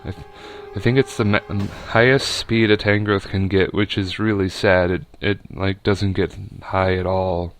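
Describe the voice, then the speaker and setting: A man's voice: low voice, fairly even intonation, moderate pace, hardly any pauses. A young man giving casual, rambling commentary over a video game battle, with lots of fillers and restarts.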